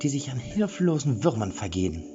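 A man doing a shrill falsetto braggart bandit. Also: sing-song, a little fast, muffled recording, natural voice. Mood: boastful. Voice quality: high falsetto. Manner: pompous, sneering, lecturing. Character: boastful mocking male bandit, shrill falsetto.

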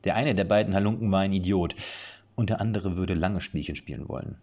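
A man narrating an audiobook in an expressive, playful storytelling manner. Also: deep voice, brisk. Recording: dull lo-fi recording.

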